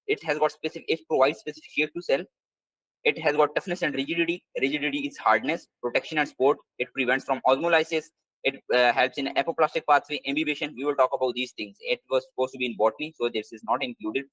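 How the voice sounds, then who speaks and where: An exam prep tutor with a mid-range, fairly bright voice gives a live online biology lecture from his desk, drilling each point by repeating it, his English phrasing slightly non-native. His computer mic sounds dry and close, with no echo or room sound, and the recording quality is low.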